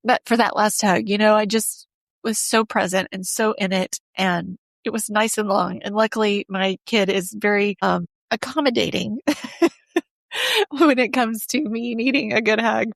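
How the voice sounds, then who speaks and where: A woman's voice: mid-range voice, measured pace, creaky, no echo. Middle-aged woman doing her podcast solo, chatty and open, talking right to listeners, dry close sound. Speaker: podcast host. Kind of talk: casual solo podcast talk.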